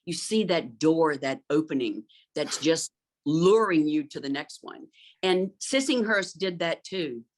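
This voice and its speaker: Unhurried and expressive, a low-voiced middle-aged woman chats about gardens. She works as an interior designer and speaks thoughtfully and fluently, often filling gaps with "um."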